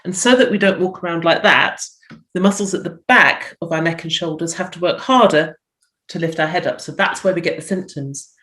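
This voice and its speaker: A woman's voice: lowish voice, a little fast, a bit bright. A middle-aged woman from the UK, a physiotherapist, giving health tips in a chatty interview and voicing little inner thoughts as she explains. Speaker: physiotherapist guest.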